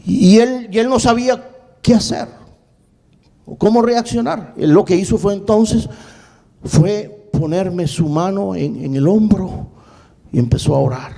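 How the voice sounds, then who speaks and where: In a sermon testimony, a male pastor with a high, gravelly voice of mellow, dark tone tells his story with drama. Words get repeated for emphasis, and his pace swings from fast bursts to slow, stretched-out phrases.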